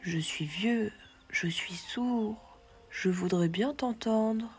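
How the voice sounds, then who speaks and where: A crafty old storybook fox, played by a woman who flatters in a soft, half-whispered purr. Every word is drawn out slowly and sweetly. Faint music hums behind him. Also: medium pitch, close to an everyday voice. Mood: coaxing. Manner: slow, hushed, coaxing. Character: sly old male fox, sweet-talking and cunning.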